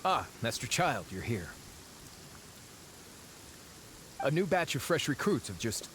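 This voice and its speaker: A dutiful male subordinate from an anime game. His medium-pitched speech is formal and apologetic. Rainy background noise is clear behind him. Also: sing-song, moderate pace, a bit bright. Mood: respectful. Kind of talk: anime video game character acting.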